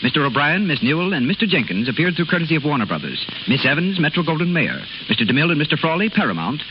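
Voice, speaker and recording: A male radio announcer reading the closing credits in a brisk, formal manner, heard as an old 1930s radio broadcast. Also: fairly high pitch, sing-song, dull audio, noisy background. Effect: old 1930s radio broadcast sound.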